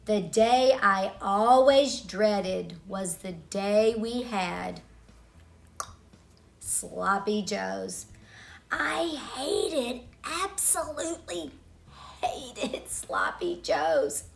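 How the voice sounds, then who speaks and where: Speaking in a mid-range voice with vocal fry, a middle-aged woman shares a childhood tale with children. She is deliberate and expressive, leaving dramatic pauses.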